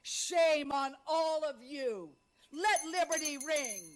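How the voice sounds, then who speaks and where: A woman's voice: high voice, takes it slowly, music in the background. An older woman from the United States making solemn, emphatic declarations in a protest speech. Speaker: citizen speaking at a public meeting.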